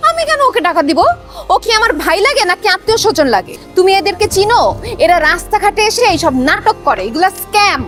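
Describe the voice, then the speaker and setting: A high-pitched, fast-talking, whiny wife in a TV drama, soft music behind. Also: female voice, very animated. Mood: indignant. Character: fearful, stingy young wife Shirin. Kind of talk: TV drama acting.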